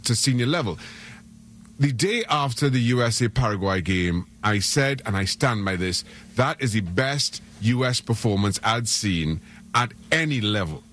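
This middle-aged soccer analyst from Trinidad and Tobago speaks on sports radio in a mid-range, fairly bright voice. He's earnest and often stammers, repeating words while he gathers his thoughts.

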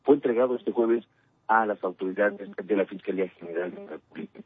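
A male reporter delivers a steady, formal news update over a phone connection that keeps glitching and cutting out. His voice is fairly low and somewhat husky. The line is thin and tinny like a telephone. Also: fairly quick, no echo. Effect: glitching, breaking-up phone line. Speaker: field reporter.

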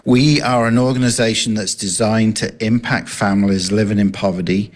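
A ministry director, a guest on a casual radio interview, speaks earnestly with frequent fillers and restarts. His accent is noticeably not native to the area, and his lowish voice holds a steady tone at a moderate pace.

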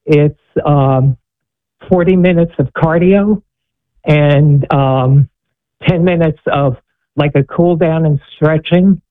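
Male caller, tinny phone line; polite, hesitant, slightly high. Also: slow, dry recording. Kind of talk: call-in question.

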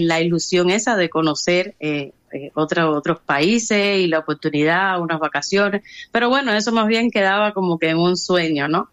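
A woman from Cuba with a Cuban Spanish accent, talking through her story as an interview guest, with hesitations, restarts and lively quoted voices. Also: mid-range voice, dry recording, lo-fi sound. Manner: hesitant, many restarts and fillers, lively when quoting others. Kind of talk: conversational storytelling.

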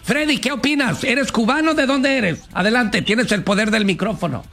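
A man's voice: very high-pitched, normal speed, gravelly, pushed and bright, soft background music. A man hosting a call-in radio talk show, argumentative and pushing back hard on his co-host. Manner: pushy, argumentative, raises voice when challenging.

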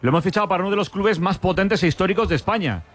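A man with a Spain Spanish accent hosting a radio sports show, quick and joking as he fires questions at his guests. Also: sits high, a bit bright. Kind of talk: lively radio sports chat.

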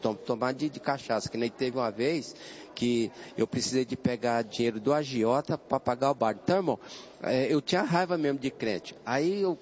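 A man's voice: mid-range voice, normal speed, darkish tone, highs cut off. Hesitant older man giving testimony. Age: 60s. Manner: hesitant, repeats words, addresses listener as brother. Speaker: church testimony guest. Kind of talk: personal religious testimony.

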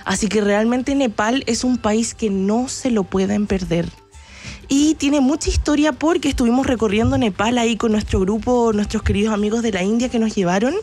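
Talkative Chilean woman, bright voice. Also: on the high side, normal speed, soft background music. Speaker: travel agency press chief, guest. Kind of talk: radio interview, enthusiastic travel talk.

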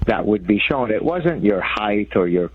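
A man's voice: lowish voice, lively intonation, unhurried, husky, narrow, tinny audio. A man around sixty, from Lebanon, a guest author explaining his ideas in an articulate, professorial way. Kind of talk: radio interview.

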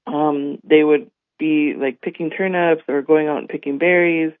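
A North Dakota man, a guest on a radio interview, tells stories warmly in a fairly high, steady voice at normal speed that's a little hoarse and slightly raised. Casual in tone, he uses many fillers and checks in with "right?". The sound is dry, thin and phone-like, with no echo.

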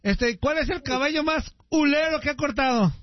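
A man hosting a call-in radio show, teasing and loud, swearing freely in crude joking banter. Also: extremely high pitch, normal speed. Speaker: radio host taking calls. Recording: dull radio broadcast sound.

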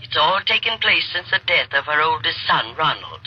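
An actress playing a prim, formal middle-aged woman answering a house phone, heard over a payphone line and speaking slowly and deliberately. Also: low-pitched, very animated, dull audio, a little hiss or hum. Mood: solemn. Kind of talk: 1940s radio drama acting.

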